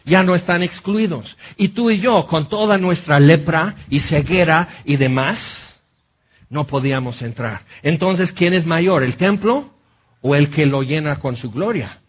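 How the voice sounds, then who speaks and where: A man preaching a sermon, telling the story in a lively way that often slips into acted voices. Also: a little high, measured pace, slight background noise. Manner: animated storytelling, acts out voices. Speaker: pastor.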